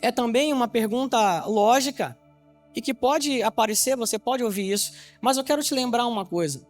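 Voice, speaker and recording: A pastor from Salvador, Bahia, Brazil preaches an evangelistic sermon to his congregation in a very high voice at a moderate pace, with faint music in the background. He teaches through rhetorical questions and keeps checking that they understand.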